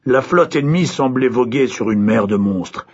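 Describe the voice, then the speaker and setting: Husky man narrating a fairy tale, expressive, dull lo-fi recording. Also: medium pitch, normal speed. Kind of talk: storybook narration.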